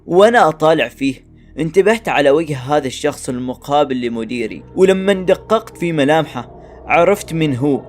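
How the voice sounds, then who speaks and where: A man's voice: a little high, expressive, a little fast. A man narrating a dramatic first-person story in a tense storytelling manner. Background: faint background music.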